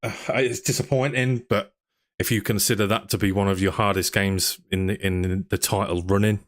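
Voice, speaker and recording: A young man with a somewhat low voice hosts a relaxed football chat. He talks in an easygoing, chatty way, asking his co-host questions and reading out comments from viewers. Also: moderate pace. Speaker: podcast host.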